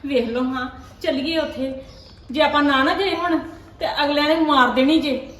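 A woman with a Punjabi accent acting a mother in a family drama, wailing, cursing and scolding loudly. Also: high-pitched, normal speed. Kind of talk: Punjabi web-series acting. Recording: roomy echo with faint music.

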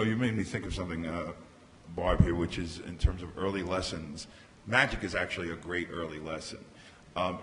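A middle-aged man speaking as a panelist at a conference, telling anecdotes in a lively way into a table microphone. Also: sits low. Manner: animated anecdotal storytelling. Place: large conference hall stage. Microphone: microphone on a table stand. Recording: reverberant hall, faint background hiss.

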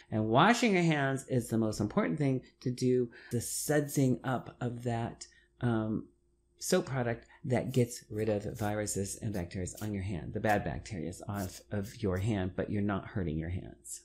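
A man's voice: lowish voice, normal speed, darkish tone, a little hiss or hum. A middle-aged man, a hairdresser, giving advice to camera while seated in a small room, stressing points by repeating words and gesturing as he talks. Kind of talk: talking-head advice video.

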